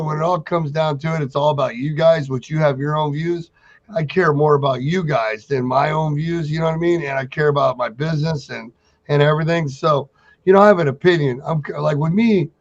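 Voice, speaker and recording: A man co-hosting a trucking talk show in casual banter, rambling and blunt, with heavy swearing. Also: fairly high pitch. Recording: dull lo-fi audio.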